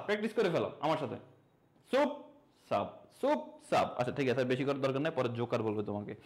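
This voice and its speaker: A young male teacher talks through a coding lesson over a screen share. His voice sits high and the words come quickly. He keeps it casual, joking and teasing his students along the way. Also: low-quality recording.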